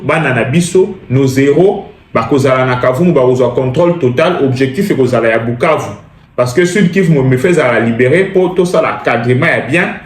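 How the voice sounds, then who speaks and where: Congolese guy ranting on commentary, keeps repeating lines, echoey room. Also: mid-range voice. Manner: emphatic, repeats phrases, mixes languages. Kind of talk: impassioned spoken commentary.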